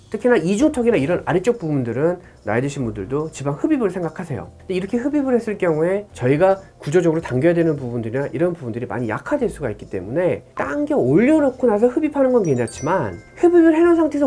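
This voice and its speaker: Fast-talking low-voiced woman surgeon. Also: slightly rough. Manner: rapid, animated explaining. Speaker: plastic surgeon. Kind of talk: informational clinic video talk.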